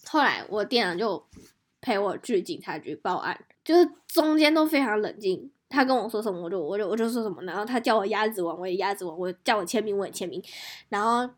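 A woman hosting a podcast, telling a personal story in a lively, animated way with quick restarts. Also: mid-range voice. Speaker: podcast host. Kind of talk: casual podcast chat.

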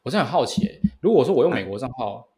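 A man in his thirties with a Taiwanese Mandarin accent, co-hosting a casual podcast in an animated, repetitive way that keeps seeking agreement. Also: mid-range voice, very fast, slight background noise. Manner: animated, repeats phrases, seeks agreement. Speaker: podcast co-host. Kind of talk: casual bantering podcast chat.

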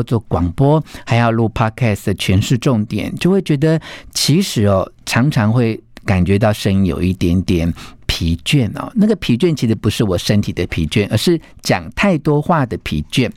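A man coaches listeners on their voices in a podcast, his tone gentle and coaxing. His pitch climbs and drops in lively swings as he stresses words. The sound is close and dry, with no room in it. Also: no room sound. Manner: gentle and coaxing, ends phrases with soft particles; demonstrates word stress, voice rises and falls widely. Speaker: podcast host.

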